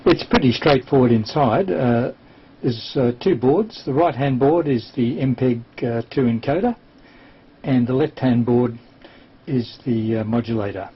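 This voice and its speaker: Speaking at a measured pace in a mid-range voice, this Australian man presents an off-the-cuff technical demo. He is an amateur TV operator and presenter whose explanations come out matter-of-fact and a little hesitant, captured on a dull lo-fi recording with noticeable hiss.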